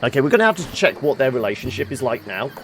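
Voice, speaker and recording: A man's voice: medium pitch, sing-song, fast, a bit bright. Man muttering through game commentary over music. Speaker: gaming video host. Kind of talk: casual let's play commentary, reading game dialogue aloud. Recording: music behind the voice.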